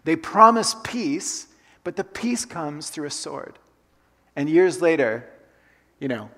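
Long hall reverb fills this church sanctuary recording of a pastor who grew up in Colombia. His voice is husky and on the high side, and his conversational sermon repeats key phrases for emphasis.

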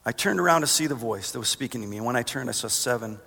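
A man preaching a sermon as pastor, earnest, reading verses and climbing higher for emphasis. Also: animated, rapid-fire, creaky, pushed and bright, breathy edge. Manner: earnest, rises in pitch for emphasis. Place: church sanctuary. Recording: long reverb of a large hall.

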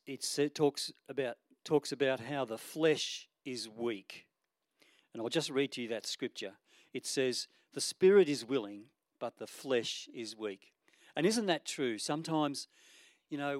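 A man preaches in a middle-pitched voice with an earnest, conversational manner. He stumbles over ums and restarts now and then, and he pushes some phrases louder for emphasis. The recording is dry and close, with no room echo. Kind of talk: sermon.

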